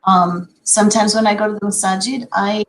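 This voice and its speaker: A woman in her forties from Minnesota, an educator, speaks earnestly in a conversational panel discussion with a Minnesotan American accent. Her mid-range voice moves little in pitch and runs fairly quick, with frequent ums and restarts. The recording is low quality, with slight background noise.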